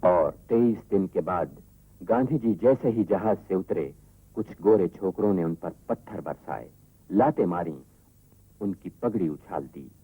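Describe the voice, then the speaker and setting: A man giving a measured, formal documentary narration, heard from an old worn tape recording. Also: low voice, expressive, warm tone, breathy edge, no echo, rough recording.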